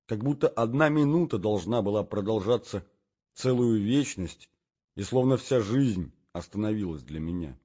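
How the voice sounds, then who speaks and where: A man with a husky voice reading a literary story aloud in a wistful, dramatic manner, on a dull lo-fi recording. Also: lowish voice, darkish tone. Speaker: narrator.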